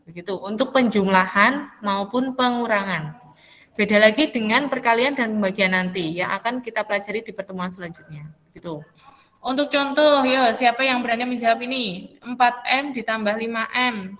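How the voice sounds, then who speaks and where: A woman's voice: a little high, moderate pace, fairly bright tone, big-room sound. A woman teaching a math class, patiently questioning students and calling them by name.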